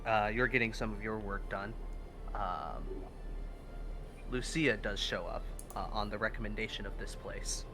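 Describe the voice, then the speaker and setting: A man acting as game master, narrating a tabletop game casually in halting, improvised phrases. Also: fairly low pitch, noisy background.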